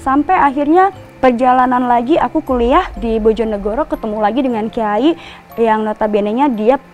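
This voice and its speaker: A woman's voice: fairly high pitch, normal speed, a little mellow, soft background music. A woman from Java telling a personal story as a guest, rambling with restarts and asides. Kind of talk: casual storytelling.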